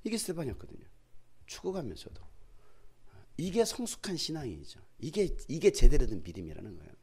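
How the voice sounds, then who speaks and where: A man's voice: mid-range voice, sing-song, fairly quick, creaky, a little mellow, slightly rough. A male pastor preaching a sermon in a church, full of rhetorical prompts to the congregation.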